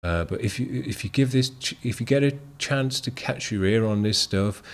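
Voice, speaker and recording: A man's voice: mid-range voice, moderate pace. A man in his late thirties hosting a music channel, chatting casually and enthusiastically with lots of fillers. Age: 30s. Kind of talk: casual chat.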